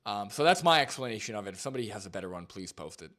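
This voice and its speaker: A man's voice: fairly low pitch, big pitch swings, racing, pushed and bright. A young man streaming, reacting to a video and reading chat, rambling with lots of fillers and restarts.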